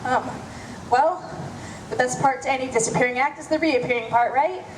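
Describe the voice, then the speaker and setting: Casting: high-pitched woman for a children's zoo show, kids' party magician coaxing the audience, echoing, noisy live sound. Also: fairly quick.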